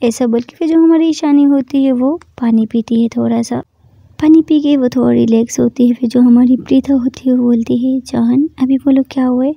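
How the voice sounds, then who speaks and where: A woman narrating a love story in an unhurried, repetitive storytelling manner. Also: high voice, steady tone, vocal fry, no room sound, highs cut off.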